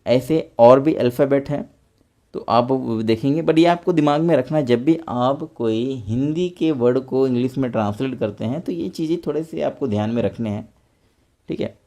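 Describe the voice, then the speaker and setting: A man's voice: medium pitch, moderate pace, warm tone. A young man patiently explaining English pronunciation step by step, speaking as a teacher in a lesson.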